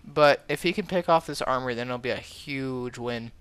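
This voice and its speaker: A man commentating a strategy game match, calm in analysis and excitable when fights break out. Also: mid-range voice, moderate pace, smooth. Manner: excitable, shouts during fights. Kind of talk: esports casting.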